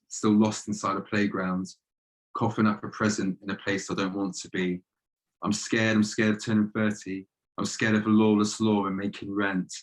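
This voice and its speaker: A young man in his twenties, a guest poet reading his poems in a measured, steady way over a video call. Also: fairly low pitch, low-quality recording. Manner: measured, steady delivery with repeated refrains. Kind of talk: poetry reading.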